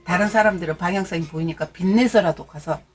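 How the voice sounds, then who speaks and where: A woman's voice: fairly low pitch, fast, over music. A middle-aged woman hosts a live stock-trading stream and keeps up a chatty, teasing patter with her viewers. She answers their messages and tips as they come in, scolding and joking in a loose, familiar way. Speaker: stock-trading livestream host. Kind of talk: casual livestream chat.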